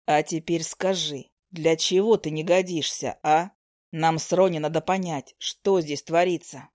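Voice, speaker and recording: A woman voicing an earnest young male healer who speaks slowly, softly and firmly, in a storybook reading. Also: low-pitched, steady tone, no echo, studio quality, pitched below the performer's own voice. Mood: earnest, questioning. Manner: slow, soft, persuasive.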